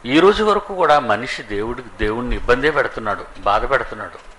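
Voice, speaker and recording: A man's voice: mid-range voice, lively intonation, brisk, a bit bright, slight background noise, rough recording. A man preaching a sermon, scolding and mocking as he acts out quoted people.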